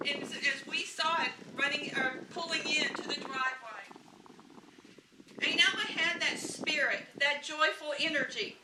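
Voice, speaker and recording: A woman reading a heartfelt funeral tribute at a graveside in measured, deliberate phrases. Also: sits high, fairly bright tone. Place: outdoor graveside, far from microphone. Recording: distant, echoey, faint background noise.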